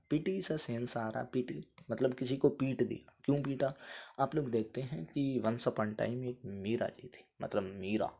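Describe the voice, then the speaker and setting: A man's voice: on the low side, creaky, breathy edge. Playful male teacher. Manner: animated, playful, acts out little scenes and answers for students. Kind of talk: vocabulary lesson with memory tricks.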